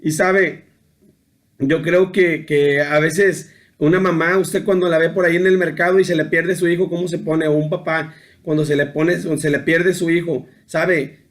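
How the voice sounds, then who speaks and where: A middle-aged man preaches an informal sermon in a somewhat high voice. He talks loosely, stumbling over words and restarting. He keeps tagging his sentences with a question to the listener. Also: little pitch movement, normal speed. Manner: keeps adding a questioning tag, with hesitant restarts. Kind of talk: informal sermon on a Bible passage.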